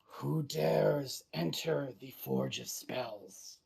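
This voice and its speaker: Game master voicing an imperious, raspy floating monster. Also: mid-range voice, extremely slow, a little mellow, full character voice. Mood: menacing challenge. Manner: imperious, threatening. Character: menacing one-eyed floating monster guarding a forge.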